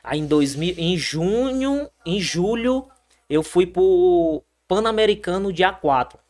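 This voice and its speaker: Young Brazilian soldier guest, lively storyteller who restarts often. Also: male voice, sits high, slow pace. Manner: animated storytelling, many fillers and restarts. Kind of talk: casual interview.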